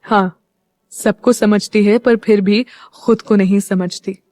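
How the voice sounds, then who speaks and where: A gentle, remorseful young fiancé from a romance audio story, voiced by a woman narrator. He speaks softly and slowly, in a dry, close recording. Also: mid-range voice, steady tone, no echo, natural voice. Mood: tender. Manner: soft and apologetic.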